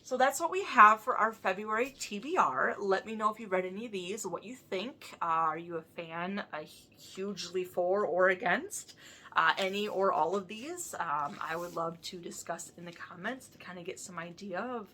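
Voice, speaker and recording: A woman with a bright, forward voice at a middle pitch talks casually to her viewers. Her lisp gives the s sounds a slushy edge. She is chatty and thinks out loud in the easy style of a book vlogger. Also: moderate pace.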